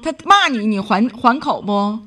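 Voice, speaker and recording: A woman's voice: on the high side, expressive, moderate pace, sharp tone, far from the mic. A woman hosting a radio advice call-in, talking in a direct, blunt way.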